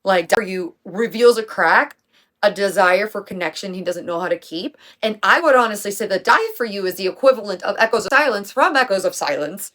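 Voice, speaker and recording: Young woman, casual video-essay host, emphatic and slangy, middle pitch. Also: lively intonation, brisk, fairly bright tone. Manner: chatty and emphatic, with slang and swearing. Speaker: music commentary creator.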